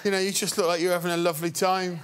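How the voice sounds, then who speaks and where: A man's voice: sits high, little pitch movement, racing. A man hosting a comedy panel show, teasing the contestants with mock-incredulous remarks. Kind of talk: comic studio banter. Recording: loud audience and noise. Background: studio audience laughter.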